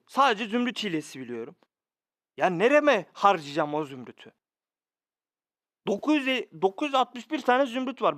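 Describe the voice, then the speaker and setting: A man with a high voice, recorded dry and close on a phone, complains about a mobile game. He sounds exasperated and keeps repeating his rhetorical questions. He talks straight to his viewers as if they were his brothers. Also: a bit bright, no echo. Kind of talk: ranting screen-recorded game commentary.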